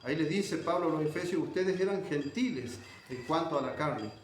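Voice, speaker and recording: An Argentine man gives a sermon with a fairly high voice, teaching scripture line by line and pausing to check that his listeners follow. The room around him rings with heavy echo, and a faint hum of noise sits underneath. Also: expressive. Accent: Argentine Spanish. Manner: explains verse by verse, checks in with "¿sí?". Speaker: preacher.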